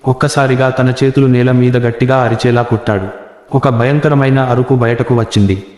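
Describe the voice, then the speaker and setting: A man telling a first-person horror story in a measured, suspenseful way. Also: medium pitch, steady tone, darkish tone. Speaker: narrator. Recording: roomy echo with long reverb.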